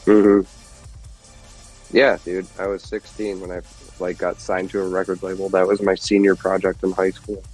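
A man's voice: deep voice, monotone, normal speed, darkish tone, soft background music, rough recording. A man in his thirties from Detroit, a guest musician chatting casually and rambling through stories with lots of fillers. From Detroit, USA. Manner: rambling, laid-back storytelling with many fillers. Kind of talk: casual chat.

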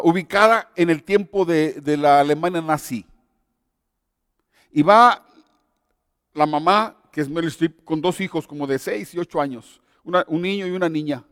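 Male preacher in his fifties, high voice, sermon delivered with emphatic pauses and frequent restarts, dry close sound with a long hall tail. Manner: retells a story with emphatic pauses and repetition; stammers and restarts often.

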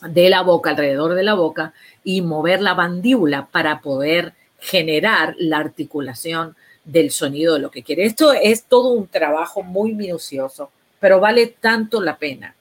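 A woman, patiently explaining speech therapy techniques to parents and slowing down for examples. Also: fairly low pitch. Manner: patient, instructive, slow deliberate examples.

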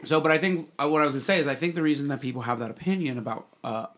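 A man's voice: a little high, rapid-fire, background noise. Rambling man, casual podcast chat. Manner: rambling, chatty, trailing off into restarts. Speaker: podcast co-host.

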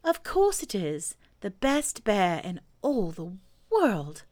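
A woman's voice: medium pitch, animated, moderate pace, natural voice. A woman voicing an eager, affectionate young boy in a children's storybook, speaking earnestly and simply. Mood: excited, fond.

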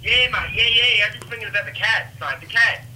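A man's voice: high voice, quick pace, pitched above the performer's own voice, close to an everyday voice. Man putting on a rowdy tipsy Aussie footy caller. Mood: excited. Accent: Australian. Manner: shouty, slurring, repeats "mate". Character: rowdy tipsy middle-aged male football fan caller. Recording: noisy phone line.

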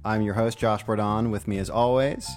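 Pria pembawa acara podcast bersuara rendah. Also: male voice, on the low side, fairly even intonation, normal speed, soft background music. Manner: playful, joking delivery. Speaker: podcast host. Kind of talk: casual podcast chat.

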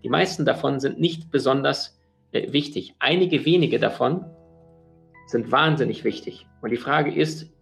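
A man with a gravelly, creaky voice at a middle pitch speaks straight to the listener in a motivational talk. He tells his examples earnestly, with plenty of fillers and restarts, and faint music plays behind him. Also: moderate pace.

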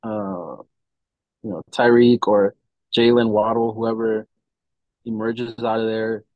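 A man's voice: fairly low pitch, flat delivery, takes it slowly, dry recording, narrow, tinny audio. A man in casual sports chat as a podcast host, opinionated and slangy, often saying "bro".

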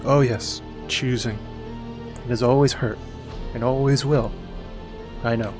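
A man voicing an ancient, blind, frail old male maester, speaking slowly and gravely over faint music. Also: mid-range voice, steady tone, lightly acted. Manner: slow, grave, sorrowful delivery.

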